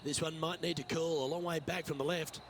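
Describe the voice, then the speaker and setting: A man playing a composed lead golf commentator, calling each shot in a measured broadcast style for a video game. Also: on the high side, fairly even intonation, fairly bright tone, a little hiss or hum, close to an everyday voice. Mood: composed, engaged. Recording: crowd and outdoor ambience behind.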